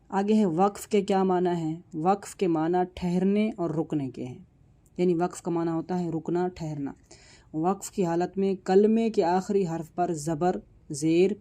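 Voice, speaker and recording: A man's voice: sits high, warm tone. A man teaching Quran recitation in an online tajweed lesson, explaining patiently and stretching out each example word as he recites it.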